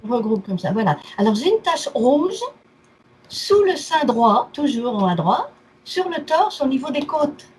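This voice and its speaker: A woman with a high, darkish voice and wide pitch swings speaks at a measured pace in a low-quality recording with faint background noise. As a therapy client in a casual consultation, she recounts her health complaints one by one in short, clipped phrases.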